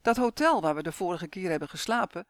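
A man's voice: sits high, animated, quick pace, clean tone, dry recording. A man reading the lines of a patient mother who explains history to her children. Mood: explaining.

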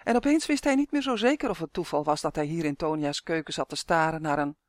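A woman narrating a children's fantasy story aloud in an even, clear manner. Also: sits low, quick pace, no echo, clean studio sound.

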